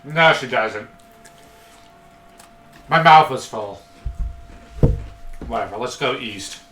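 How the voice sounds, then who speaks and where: A man's voice: mid-range voice, lively intonation, slow pace, sharp tone, reverberant, a little hiss or hum. A man hosting a let's play, making sarcastic jokes and asides as he reads the game text. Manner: jokey, sarcastic, full of asides. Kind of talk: joking game commentary.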